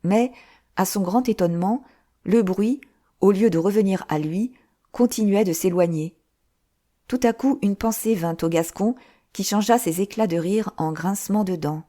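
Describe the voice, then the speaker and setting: A woman narrating an audiobook of a classic novel in a steady, measured storytelling voice. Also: medium pitch.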